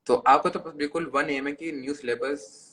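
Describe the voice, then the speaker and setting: A man's voice: on the high side, steady tone, moderate pace, fairly bright tone. A man hosting a podcast interview, asking questions politely and deferentially, addressing his guest as sir. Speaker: podcast host.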